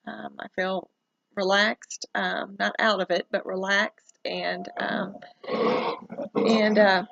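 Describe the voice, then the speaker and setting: Gravelly-voiced woman, casual and halting. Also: medium pitch, flat delivery, a bit bright, no echo, lo-fi sound. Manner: hesitant, halting, with many pauses. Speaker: vlogger documenting recovery from eyelid surgery. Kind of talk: casual first-person update to camera.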